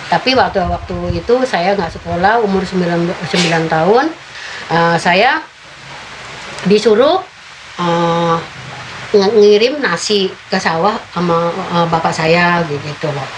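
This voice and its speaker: A woman in her fifties giving a personal faith testimony in an interview, telling her story in a halting way with many filler sounds. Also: lowish voice, background noise. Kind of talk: personal testimony told in conversation.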